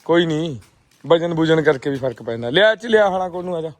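A man's voice: on the high side, lively intonation, brisk. A man with a Punjabi accent in casual, hearty banter, insisting and repeating his phrases like a farming vlogger. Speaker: tractor vlogger and farmer. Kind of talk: casual chat and banter outdoors. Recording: outdoor sound with faint vehicle noise.

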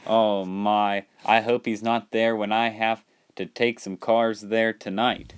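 A nervous, fretful little tram engine, voiced by a male storyteller. He speaks in a low, slow and worried voice. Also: flat delivery, clear, resonant tone.

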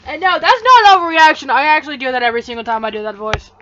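A woman's voice: high voice, very fast, pushed and bright, lo-fi sound. A woman hosting a let's play, giving casual gameplay commentary in a jokey, profane, self-mocking way.

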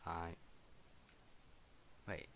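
A man's voice: drawn-out words, pushed and bright, a little hiss or hum. A man giving casual let's-play commentary as host, thinking aloud with hesitant restarts. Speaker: gaming video host.

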